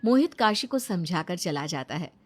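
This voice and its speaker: A woman narrating a scripted cartoon story in an even, clear storytelling manner. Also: lowish voice, normal speed, slight background noise.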